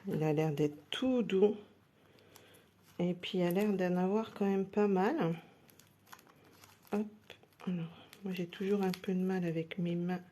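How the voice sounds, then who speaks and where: A woman's voice: on the low side, fairly even intonation, unhurried, long pauses, warm tone. A woman chatting casually while unboxing craft supplies live, thinking aloud with many hesitations. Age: adult with a day job. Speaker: craft product seller.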